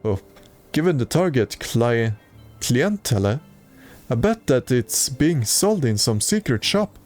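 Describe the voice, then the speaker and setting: A man's voice: medium pitch, big pitch swings, slow pace, a little mellow, faint music behind. A man streaming a video game and reading its dialogue aloud in a plain way, with occasional stumbles.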